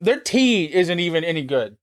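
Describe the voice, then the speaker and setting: A man with a notably high-pitched voice hosting a live stream, ranting emphatically and swearing freely as he chats. The sound is close and dry, with almost no room around it. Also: sing-song, moderate pace, dry recording. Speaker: livestream host. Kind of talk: casual chat.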